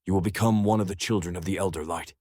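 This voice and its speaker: A man voicing a sly, coaxing drow spider-creature who serves a dark god in a fantasy story. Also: deep voice, steady tone, fast talker, no echo, studio quality, pitched below the performer's own voice.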